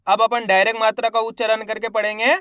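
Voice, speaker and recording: A man teaching Hindi reading, sounding out each syllable loudly and then blending it into the word, encouraging his viewers as friends. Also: sits high, flat delivery, fast, clean tone, dry recording. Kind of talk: slow syllable-by-syllable reading lesson.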